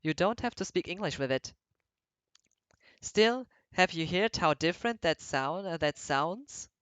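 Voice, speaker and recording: A man from Germany, chatting casually while streaming a video game and often pausing to search for English words. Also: sits high, expressive, a bit bright, clean tone, dry recording. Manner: hesitant, searching for words, many restarts. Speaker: let's play streamer. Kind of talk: casual chat while gaming.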